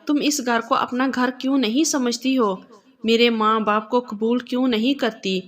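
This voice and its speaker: A young husband from a storybook, firm and quick to scold, voiced in a fairly high register by a woman narrator. He speaks plainly and expects to be obeyed. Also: fairly even intonation, close to an everyday voice. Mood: stern. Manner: stern, scolding at times. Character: young newly married husband, firm and blunt.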